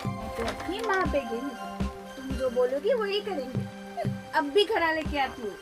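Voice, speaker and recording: A young woman playing a dutiful, studious daughter who answers her mother gently, in a short film with music underneath. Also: high voice, sing-song, moderate pace. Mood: gentle. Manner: gentle, obedient.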